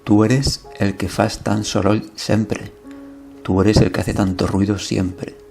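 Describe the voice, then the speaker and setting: A man teaching a language lesson, reading verb conjugations and example sentences aloud in a slow, methodical way. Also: lowish voice, little pitch movement, gravelly, a little mellow, faint music behind.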